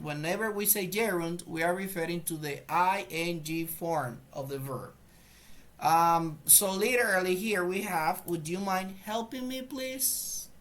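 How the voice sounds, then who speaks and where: Man, native Spanish speaker, English teacher, slow and deliberate, repeats phrases, clears throat. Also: high-pitched, a bit bright. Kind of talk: bilingual grammar lesson.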